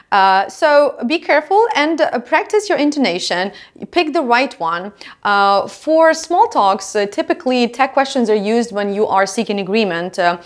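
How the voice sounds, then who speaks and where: A woman with a Ukrainian accent, an English teacher explaining grammar plainly with many fillers. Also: on the high side.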